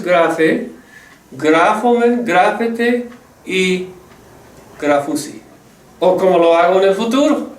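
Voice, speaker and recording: A man teaches Greek vocabulary at a slow, careful pace. He patiently repeats each verb form, pausing on drawn-out "ah" sounds. His fairly high voice comes from some distance in an echoey room. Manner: patient, drawn-out drilling of word forms with frequent "ah" fillers. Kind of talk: slow spoken language lesson. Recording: echoey room, voice far from mic.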